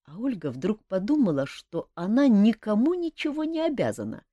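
A woman narrating a fantasy audiobook in a lively, expressive reading. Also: medium pitch, moderate pace, no room sound, clean studio sound.

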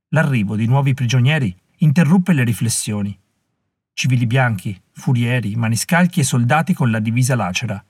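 A man reading a novel aloud as an audiobook narrator, in a measured, dramatic delivery. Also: medium pitch, a little mellow, no echo. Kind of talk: scripted narration.

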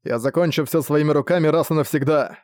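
A man's voice: on the high side, fast talker, a little mellow, no room sound, clean studio sound, natural voice. A man voicing a determined young prince who speaks in an earnest, resolute way. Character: determined young prince fighting his brother.

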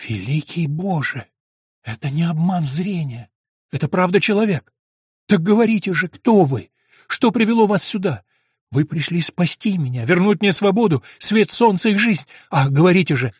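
A man's voice: on the high side, fairly quick, a little mellow, breathy edge, no echo, studio quality. A man voicing a starving, chained woman prisoner who pleads in breathless exclamations. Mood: ecstatic.

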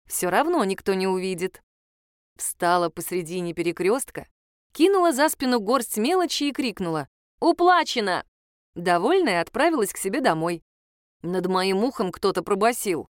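A woman narrating a first-person story in a lively, wry way, often indignant. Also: medium pitch, clear, resonant tone, no echo, studio quality.

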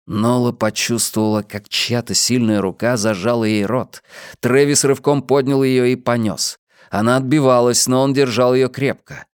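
A man's voice: mid-range voice, a little mellow, no room sound, studio quality. A man reading a novel aloud as a narrator, with a tense, dramatic delivery. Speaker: audiobook reader. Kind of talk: scripted narration.

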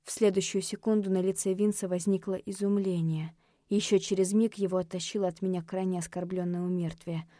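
Woman, audiobook narration, expressive first-person reading, dry close mic, mid pitch. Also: brisk, no room sound. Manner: expressive reading, drops soft and quiet in tense moments.

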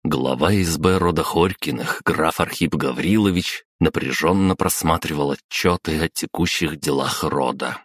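A man narrating a first-person audiobook in a steady, measured way. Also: a bass voice, slightly rough, no room sound, studio quality.

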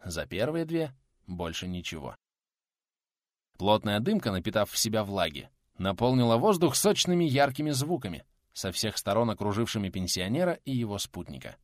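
A man reading an audiobook aloud in a dramatic, expressive style. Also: on the low side, moderate pace, dry recording, clean studio sound. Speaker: audiobook narrator. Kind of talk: scripted audiobook narration.

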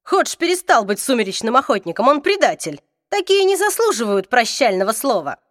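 An arrogant young man barks out his cold accusations, as a woman reader puts him on. His voice sits high and tight. The reading is close and dry, with no room around it. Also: big pitch swings, fairly quick, dry recording. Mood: scornful. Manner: loud, cold and self-righteous.

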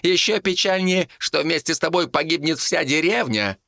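A man's voice: fairly high pitch, moderate pace, gravelly, sharp tone, no room sound, studio quality, voice pushed up. A man voicing a scheming, ranting male monk who shrieks threats and then turns sugary.

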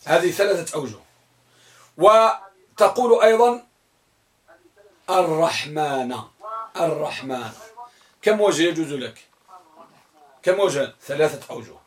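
A man teaching a grammar lesson in a classroom. He quizzes his students and repeats words slowly. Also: a little high, animated.

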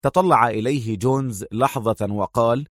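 A man narrating a crime thriller audiobook in a steady, measured storytelling voice. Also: mid-range voice, no room sound, clean studio sound.

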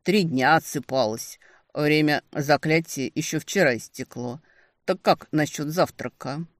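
A woman's voice: low-pitched, measured pace, no room sound. A woman playing a cocky, possessive male demon in an audiobook, in a mocking, smug tone close to her own voice. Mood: teasing.

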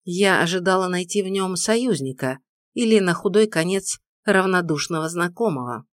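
A woman reading a first-person audiobook in an even, measured storytelling manner. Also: on the low side, no room sound, studio quality. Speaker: audiobook narrator.

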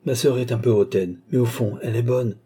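A man reading the part of a kind, worried young nobleman who speaks gently and coaxingly in an audiobook. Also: mid-range voice, steady tone, a little fast, slightly rough, close to an everyday voice. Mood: gentle coaxing.

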